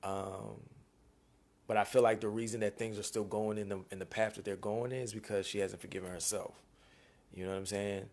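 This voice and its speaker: Gravelly, low-voiced man chatting casually. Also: level tone, fairly quick, a little mellow. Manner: laid-back, conversational, slangy. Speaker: musician on a live stream. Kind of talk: casual live-stream chat.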